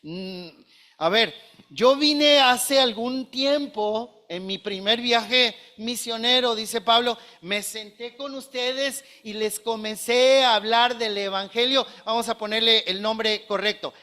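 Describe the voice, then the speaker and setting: Pastor, male, bright forceful tone, earnest preaching style. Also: very high voice, slow. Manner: earnest, questioning, addresses listeners as brothers. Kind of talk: sermon.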